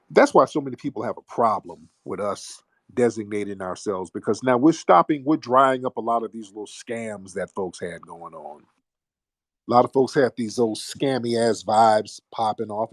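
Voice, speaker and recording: A man's voice: mid-range voice, no echo, studio quality. An American man hosting a live audio chat room, delivering an emphatic, streetwise, preaching-style monologue. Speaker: host.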